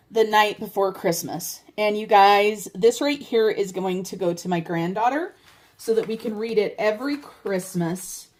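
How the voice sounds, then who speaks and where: An older woman chatting casually as a vlogger, heartfelt and talking straight to her viewers. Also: mid-range voice. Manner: chatty and heartfelt, addresses viewers as you guys. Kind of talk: casual chat.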